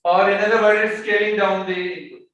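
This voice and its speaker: Echoey lecturer teaching economics. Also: male voice, sits high, level tone, fairly bright tone. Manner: explanatory, halting with repeated words and pauses; mixes English with Hindi-Urdu phrases. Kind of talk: classroom lecture. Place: classroom. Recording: very echoey room, mic far off, faint background noise.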